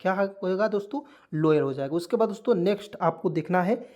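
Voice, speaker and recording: A man's voice: high voice, lively intonation, brisk, a little mellow. A man teaching English pronunciation in a video lesson, spelling words out letter by letter, asking questions and answering them himself, and calling his viewers friends. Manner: calls viewers friends, tags lines with okay. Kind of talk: spoken tutorial lesson.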